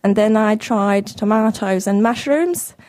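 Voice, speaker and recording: A woman with a Slovakian accent answering as a guest in a radio interview, speaking haltingly as she searches for words. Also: mid-range voice, darkish tone, no room sound. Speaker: guest artist, painter and sculptor. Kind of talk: live radio interview chat.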